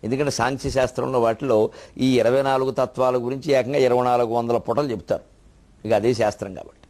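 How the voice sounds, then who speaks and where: A man's voice: medium pitch, steady tone, a little mellow. A man giving a devotional discourse as a spiritual lecturer, explaining the meanings of words in a teacherly manner. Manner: teacherly, explains word meanings, chants verses slowly.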